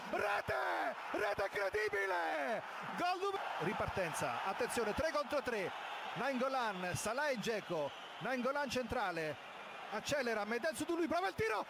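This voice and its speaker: A man commentates football live in a breathless, very high, strained shout with gravel in it. His delivery swings up and down and repeats key words. The recording is a very noisy broadcast with crowd roar behind him. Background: loud crowd and noise.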